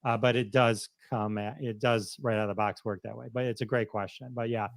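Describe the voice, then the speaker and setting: A man's voice: lowish voice, fairly even intonation, a little fast, creaky, no echo. A man talking as a podcast guest, explaining in a loose, rambling way with frequent restarts and easy laughter. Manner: rambling, self-correcting, laughs easily. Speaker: podcast guest, software founder. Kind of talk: casual conversational explaining.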